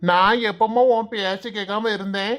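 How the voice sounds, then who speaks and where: A woman voicing a gentle grown son in a Tamil cartoon who pleads with his mother and keeps the peace, with a Kanyakumari Tamil accent. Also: medium pitch, steady tone, normal speed, natural voice. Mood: soothing. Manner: soothing and pleading. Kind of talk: cartoon voice acting.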